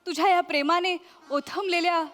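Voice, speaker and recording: Brief: a theatrical leading lady, very high voice, echo of a stage hall. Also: fairly even intonation, fairly quick, fairly bright tone, soft background music. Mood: dramatic. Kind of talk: stage comedy sketch.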